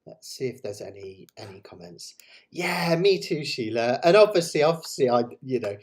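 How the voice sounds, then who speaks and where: A man with a West Country English accent hosts a live ukulele play-along, chatting to viewers in a rambling, enthusiastic and self-deprecating way. His voice is medium-pitched and sing-song, at a normal speed.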